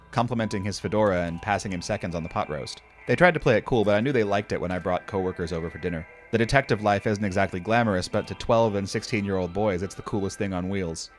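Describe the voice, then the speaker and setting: An older man gives scripted horror story narration in a wry, conversational and occasionally profane manner. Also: fairly low pitch.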